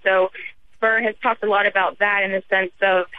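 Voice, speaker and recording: A woman's voice: medium pitch, flat delivery, normal speed. A woman reporting live and unscripted from an election event, speaking hesitantly with many filler phrases over a remote line. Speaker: radio political reporter. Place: campaign headquarters event. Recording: muffled noisy radio remote line.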